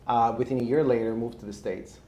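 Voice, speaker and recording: Speaking briskly in a steady, mellow mid-range voice, a real estate investor from Albania recounts his story casually in an interview. He is in his thirties and a native Albanian speaker, and the recording carries a roomy echo with faint noise behind him.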